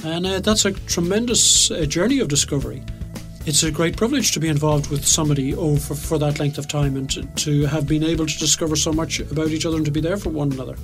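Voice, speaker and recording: A man's voice: on the high side, fast talker, faint music behind. A middle-aged man discussing relationships on radio, thoughtful and a bit hesitant. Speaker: radio show co-presenter. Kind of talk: conversational discussion.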